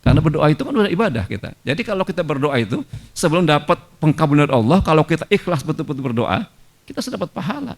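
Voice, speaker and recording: A man's voice: a little high, sing-song, fast talker. A man giving a conversational sermon in a mosque, mixing in Arabic quotations. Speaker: preacher.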